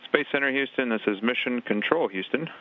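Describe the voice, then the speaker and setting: A man's voice: medium pitch, fairly quick. A man calling as mission control over a radio transmission, using formal radio call protocol. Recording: muffled radio with clicks and hiss.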